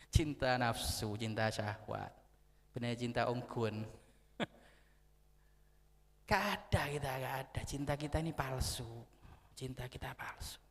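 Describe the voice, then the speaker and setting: A man preaching a mosque sermon, emphatic and repetitive, slipping into spoken prayers. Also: medium pitch. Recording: long hall reverb.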